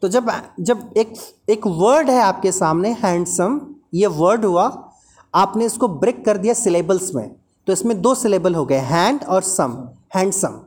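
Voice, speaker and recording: A woman's voice: mid-range voice, lively intonation, measured pace, a little mellow. A woman teaching an English lesson, explaining patiently and repeating example words aloud.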